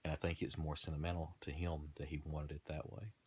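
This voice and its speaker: A man's voice: extremely low pitch, flat delivery, a little fast, slightly rough. A man in his thirties talking in a rambling, casual monologue, trailing off, restarting and laughing at himself. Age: 30s. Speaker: gaming video host.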